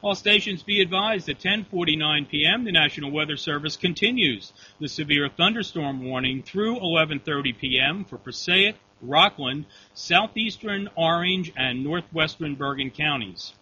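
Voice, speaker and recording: Guy running a ham radio storm net, really bright forceful voice, formal radio talk, muffled with faint hum. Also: fairly high pitch, lively intonation, normal speed, few pauses. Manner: formal, procedural radio phrasing. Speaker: weather net control operator.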